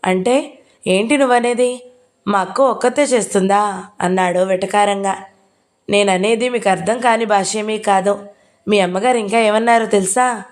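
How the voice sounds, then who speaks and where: Lady reading a novel out loud, steady storytelling, mid pitch. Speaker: audiobook narrator. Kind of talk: reading a novel aloud, voicing dialogue.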